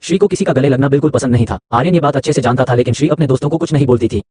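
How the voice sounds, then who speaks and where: A man narrating a serialized romance audiobook in a steady storybook reading. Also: medium pitch, slightly rough, no echo. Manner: rapid, even reading.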